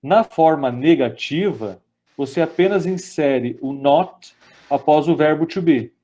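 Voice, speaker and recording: A man with a Brazilian Portuguese accent giving a webinar grammar lesson, explaining step by step and reading out English examples slowly. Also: on the high side, lively intonation, mellow. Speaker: lecturer.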